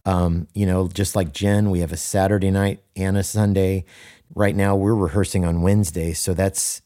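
A man co-hosting a casual podcast conversation as a worship leader, earnest and emphatic, repeating key phrases for stress, with the odd deadpan joke. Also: deep voice, normal speed, no room sound, studio quality.

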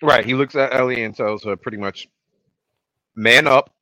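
A man's voice: mid-range voice, fast, no room sound, low-quality recording. A young adult man, co-hosting a podcast and animatedly recapping an episode in casual chat. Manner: animated retelling with acted-out quotes. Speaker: podcast co-host.

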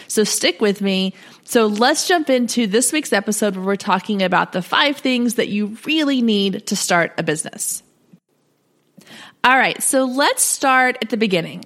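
A woman's voice: a little high, fairly bright tone. A woman hosting a podcast in chatty, upbeat, informal talk, her voice scratchy and cracking from a sore throat. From Texas, US South. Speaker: podcast host. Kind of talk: casual solo podcast talk.

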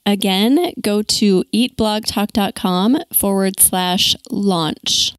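A woman's voice: mid-range voice, no echo. A woman hosting a podcast, upbeat and enthusiastic, reading ads and interviewing a guest. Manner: upbeat, enthusiastic, slows down for web addresses. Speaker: podcast host.

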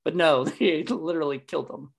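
A man's voice: fairly high pitch, fairly quick, creaky. A man chatting casually about a movie he loves, rambling with lots of fillers and laughing at the jokes he retells. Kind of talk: casual chat recapping a movie.

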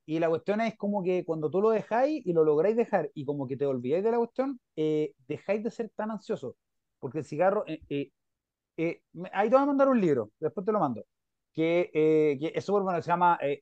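A man's voice: high voice, no room sound. A young adult man with a Chilean Spanish accent, hosting a podcast over a video call, talking casually in long rambling runs full of fillers. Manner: rambling, filler-heavy, animated. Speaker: podcast host. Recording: dull, dry lo-fi audio.

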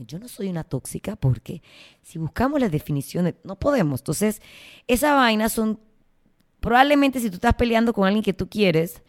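A woman's voice: medium pitch, no room sound, studio quality. A woman hosting a casual podcast monologue, chatty and slangy, acting out quoted arguments. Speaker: podcast host.

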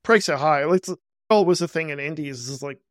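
Male host, slightly high smooth voice, relaxed sarcastic chat, dry close mic. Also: no room sound. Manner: conversational, quick asides, self-aware sarcasm. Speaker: podcast host. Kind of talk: casual podcast conversation.

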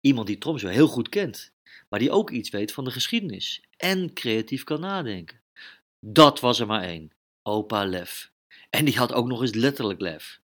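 A man narrating a children's adventure story with lively, dramatic delivery. His pitch stays mid-range, and he throws in his own sound effects as the plot races on. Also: moderate pace.

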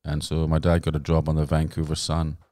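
A man's voice: very deep voice, monotone, brisk, dark tone, dry recording, clean studio sound. A man hosting a design podcast, chatting with a guest in a rambling, self-interrupting way. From England. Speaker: podcast host.

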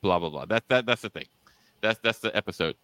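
A man co-hosting a podcast in casual chat, an animated storyteller who laughs often and restarts his sentences. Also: lowish voice, quick pace, clean tone, dry recording, rough recording. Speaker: podcast co-host.

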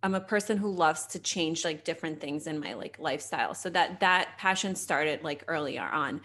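A woman in her thirties from Slovakia, a podcast host and health coach, chatting casually in an interview with lots of filler words. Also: on the low side. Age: 30s. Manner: chatty, many fillers like "like" and "you know".

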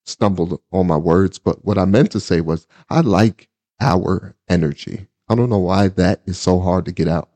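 A laid-back man from the United States co-hosts a casual podcast with playful banter. His voice is very low and deep. The sound is dry and close, with no room echo. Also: brisk, hardly any pauses, mellow. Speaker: podcast co-host. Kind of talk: casual chat.

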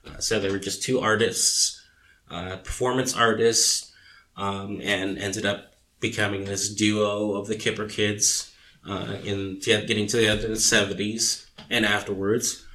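A man's voice: lowish voice, little pitch movement, a little slow, bright, forceful tone. A man in his thirties chatting casually as a podcast co-host, rambling with many fillers. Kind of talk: casual chat.

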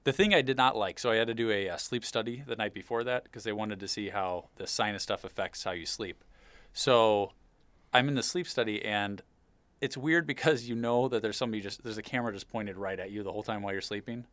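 A man with a lowish, congested voice chats as a podcast host. He sounds nasal, as though his nose is packed and swollen after surgery. He tells personal stories casually, and the sound is dry with no room echo. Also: a little fast, a bit bright. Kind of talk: casual chat, personal anecdote.

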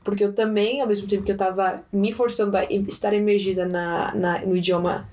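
A young woman from Brazil, a guest in a casual interview who talks in a chatty, playful way with quick asides. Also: mid-range voice, fairly even intonation, a little mellow.

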